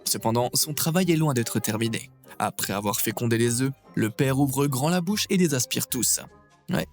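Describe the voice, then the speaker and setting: A man reading scripted nature documentary narration, with a wry and playful manner. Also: fairly high pitch.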